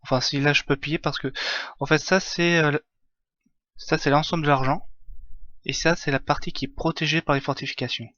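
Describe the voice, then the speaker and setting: A man streaming a strategy game live, explaining his moves in a halting way full of fillers. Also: a little high, steady tone, sharp tone, no room sound, highs cut off. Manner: hesitant, many fillers, halting English.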